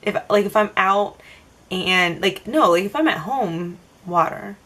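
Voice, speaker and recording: A woman's voice: mid-range voice, animated, unhurried, pushed and bright. A young woman vlogger answering random tag questions to the camera in a casual, rambling way, full of "like" and "um". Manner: chatty, filler-heavy, self-answering rambles.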